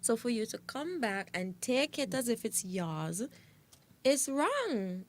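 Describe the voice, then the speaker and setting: A woman's voice: a little high, big pitch swings, slow pace, a little hiss or hum. A woman co-hosting a casual panel show, giving opinions firmly and repeating her key points for emphasis. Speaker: talk show co-host.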